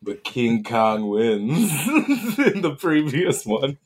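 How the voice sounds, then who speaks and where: A man's voice: mid-range voice, very animated, very slow, slightly rough. A man in a casual podcast chat, enthusiastic and playful, tossing in goofy sound effects. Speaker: podcast co-host.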